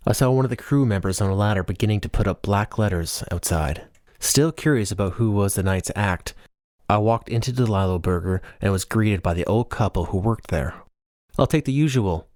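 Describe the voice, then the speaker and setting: A low-pitched male voice, slightly mellow, narrates a first-person novel. There's no room echo, giving it the dry sound of an audiobook reading.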